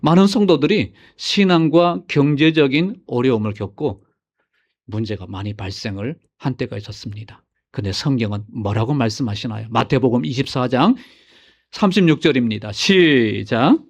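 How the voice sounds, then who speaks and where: A senior pastor delivers a sermon, alternating between loud exclamations and quiet asides while asking his congregation questions. His pitch is medium and his speed normal.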